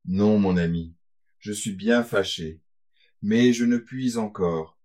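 A man reading a gothic tale aloud, voicing an anxious young woman who pleads gently with her lover. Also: on the low side, takes it slowly. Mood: gentle.

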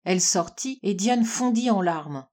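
A woman's voice: mid-range voice, lively intonation, measured pace, a little mellow. Woman narrating a classic French novel. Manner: reads all the characters with small voice shifts. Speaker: audiobook narrator.

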